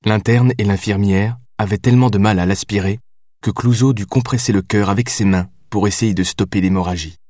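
A man reads an audiobook in a low, measured voice. The recording is dry and close, with no room sound. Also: steady tone, darkish tone, dry recording. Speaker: audiobook narrator. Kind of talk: scripted audiobook narration.

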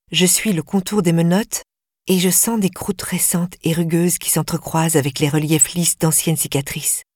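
A woman narrating a novel in the first person, with a measured, intimate delivery that slows in tense passages. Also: lowish voice, a little mellow, slightly rough, dry recording, studio quality. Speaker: audiobook narrator.

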